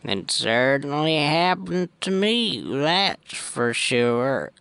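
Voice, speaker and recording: An actor playing an elderly retired cattle auctioneer who calls in to a comedy radio show, timid and hesitant. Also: male voice, high-pitched, big pitch swings, a bit bright, clean tone, no room sound, full character voice. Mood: slow, timid. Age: older. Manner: slow, hesitant speech. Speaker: caller.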